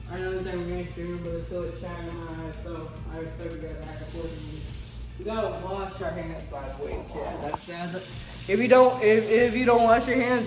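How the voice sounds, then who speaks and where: A livestream host chats casually while cooking, trading crude, profane, teasing banter with viewers and stammering through repeated phrase openings. The medium-pitched voice comes through a low-quality recording, with music and a sizzling pan in the background.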